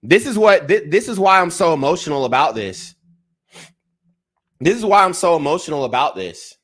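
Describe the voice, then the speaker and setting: A man's voice: a little high, sing-song, moderate pace, fairly bright tone. A young man giving a heated commentary rant on a livestream, repeating himself and restarting as he gets worked up. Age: young adult. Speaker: YouTube commentator.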